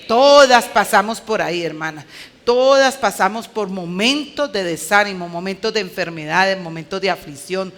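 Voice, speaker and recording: Here a Colombian-accented woman preaches to a women's conference in a medium-pitched, slightly bright voice with lively intonation at an ordinary pace. Her delivery is clipped and emphatic yet conversational, and she keeps asking her audience rhetorical questions.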